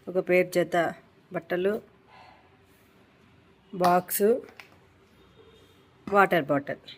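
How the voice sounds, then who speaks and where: A woman's voice: lowish voice, extremely slow, low-quality recording. Mother coaxing her toddler, chatty. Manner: coaxing, repeats questions to her child. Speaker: mother filming a family vlog. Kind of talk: casual family vlog narration and coaxing a toddler.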